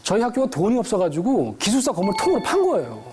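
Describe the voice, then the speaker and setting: Brisk, animated woman lecturer. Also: medium pitch. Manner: lively, acts out the voices of people in her stories. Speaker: lecturer and counselor. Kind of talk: storytelling lecture. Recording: background music under the voice. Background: music.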